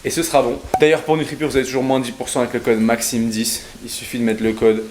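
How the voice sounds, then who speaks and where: Young man, fitness vlogger, mid-pitched chatty voice, explains with lots of "euh", faint hiss and clicks behind. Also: flat delivery, fast. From Belgium. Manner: chatty, explanatory, frequent "euh" fillers and self-corrections. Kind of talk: casual vlog talk to camera.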